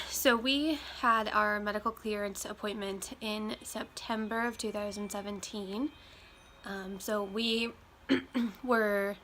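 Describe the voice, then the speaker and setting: With the windows open at home, faint road noise and wind chimes in the background, a young woman from Iowa talks casually to her camera. Her mid-range voice is a bit bright and slightly nasal from a chest cold, and her chatty, meandering talk is full of ums.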